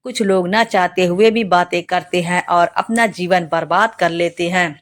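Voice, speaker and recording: A woman narrating a motivational story in a calm, even way, now and then restarting a word. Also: fairly low pitch, moderate pace.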